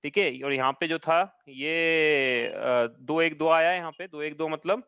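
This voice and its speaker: A man's voice: a little high, unhurried, fairly bright tone, clean tone, dry recording. A man teaching an online class over a video call, explaining patiently step by step and often checking that his students follow. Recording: dull dry online-call audio.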